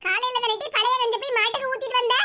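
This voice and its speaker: A woman's voice: very high voice, steady tone, fast. A woman voicing a bitter, self-pitying old village mother in a cartoon who scolds her daughter with sarcasm. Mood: scolding. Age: older. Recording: loud background noise.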